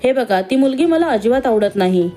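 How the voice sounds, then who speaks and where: A woman's voice: on the high side, lively intonation, brisk, dark tone, soft background music, natural voice. A woman voicing a proud, status-minded wealthy mother in a read-aloud story, speaking with scorn. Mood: scornful. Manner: scornful, disdainful. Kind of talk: storybook reading.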